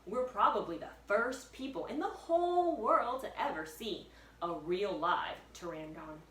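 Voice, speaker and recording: A woman's voice: medium pitch, animated, unhurried, fairly bright tone. A woman voicing a cautious, sceptical, studious young boy in a children's storybook, exclaiming and questioning. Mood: puzzled, excited. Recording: echoey room, distant mic, faint noise.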